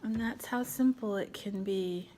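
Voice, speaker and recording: A middle-aged woman hosts a casual crafting tutorial at home, chatting and thinking aloud as she works. Her mid-range voice is mellow and measured in pace, with slight background noise.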